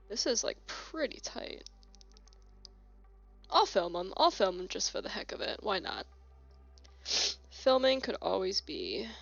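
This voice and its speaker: Working on keyboard switches at her home desk, a young woman streams a rambling, relaxed chat in a gravelly mid-range voice, full of fillers and restarts and a bit sniffly. Her phone sits on a holder, giving slightly dull lo-fi sound with faint music and keyboard clicking in the background.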